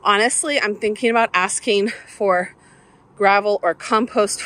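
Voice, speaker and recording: A garden vlogger from southern Alabama strolls through her garden, talking into a phone camera held at arm's length, her voice slightly high and a little bright. She's chatty and upbeat, dropping folksy asides. Faint outdoor ambience and passing helicopters sit in the background.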